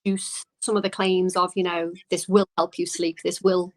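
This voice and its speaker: A woman's voice: fairly low pitch, flat delivery, normal speed. A woman interview guest explaining her views and experiences in a casual, reflective, conversational way. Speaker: interview guest, small business owner.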